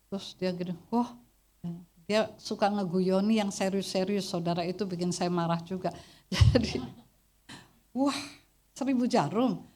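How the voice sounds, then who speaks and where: A middle-aged woman pastor preaching a Sunday sermon in church, telling humorous stories in a loud voice that carries far and often addressing the congregation. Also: mid-range voice.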